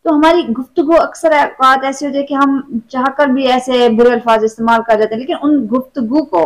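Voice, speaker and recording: Female interviewer host, high voice, formal questioning. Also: fairly even intonation, normal speed, low-quality recording.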